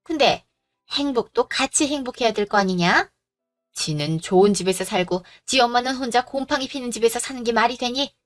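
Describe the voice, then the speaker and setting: A greedy, domineering middle-aged mother-in-law snaps and makes demands in a pitched-up, condescending voice, as a woman acts her out. She talks down to everyone around her. Soft music plays beneath the audio drama. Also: expressive, a little fast, close to an everyday voice. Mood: demanding. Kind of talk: Korean audio drama acting.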